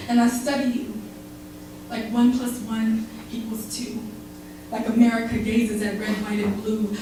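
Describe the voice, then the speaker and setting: A woman's voice: fairly high pitch, a little hiss or hum. A woman performing spoken word poetry live, with a rhythmic, dramatic delivery that rises and drops. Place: barbershop, live event. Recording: echoey live room recording from far off.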